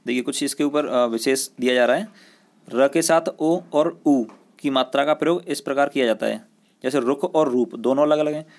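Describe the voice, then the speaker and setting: Teacher lecturing step by step. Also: male voice, medium pitch, normal speed. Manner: explains step by step, often checks with "ठीक है"; asks the class questions, then answers them. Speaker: school teacher. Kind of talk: recorded classroom lecture.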